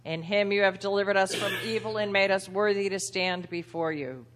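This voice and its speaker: A woman leads the communion prayers in slow, solemn, measured phrases. Her voice rings out with a long, lingering reverb, as if it fills a large stone church. Her pitch sits in the middle of the usual range. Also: slight background noise. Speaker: celebrant leading a Eucharist service. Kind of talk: liturgical prayer recitation.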